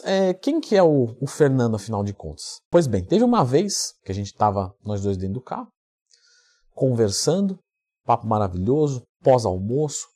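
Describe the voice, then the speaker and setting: A man from Brazil, a fitness coach and YouTuber, telling a story in a vlog with lively acted-out dialogue. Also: mid-range voice. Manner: animated storyteller who acts out quoted dialogue.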